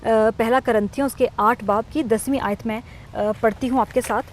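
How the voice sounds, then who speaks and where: A woman co-hosting a Bible teaching talk, calmly explaining and reading verses aloud. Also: on the high side, slight background noise. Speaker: co-host.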